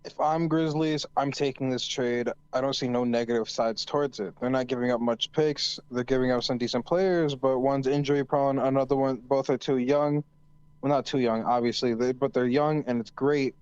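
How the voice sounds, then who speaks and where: A man's voice: medium pitch, steady tone, normal speed, a little mellow, clean tone, no room sound, highs cut off. A man co-hosting a casual sports discussion, giving his opinions conversationally. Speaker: podcast co-host.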